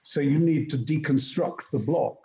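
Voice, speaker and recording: A man being interviewed, telling anecdotes in a deliberate, articulate and emphatic conversational way. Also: a little high, gravelly, mellow. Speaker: interview guest, poet and screenwriter. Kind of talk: reflective conversational storytelling. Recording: slightly dull, roomy sound.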